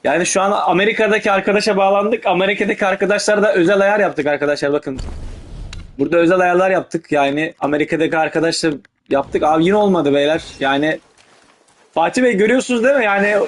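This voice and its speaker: A man doing casual gameplay commentary in street slang, swearing heavily and given to excitable, urgent outbursts. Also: high voice, fairly quick. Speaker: gaming video host.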